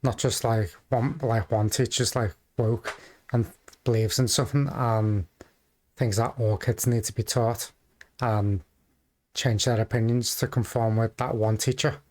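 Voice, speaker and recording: A man giving casual, off-the-cuff commentary as a reaction video host, halting and rambling as he goes. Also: medium pitch, fairly even intonation, darkish tone. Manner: hesitant, halting, rambling delivery.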